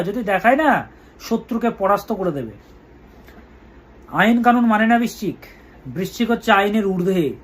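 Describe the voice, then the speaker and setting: A man talking as an astrologer through a weekly horoscope, slow and emphatic, repeating key words and chanting mantras. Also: sits high, slightly rough.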